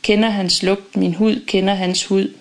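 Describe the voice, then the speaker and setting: A woman reading a first-person audiobook in a calm, measured, intimate way. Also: medium pitch. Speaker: audiobook narrator.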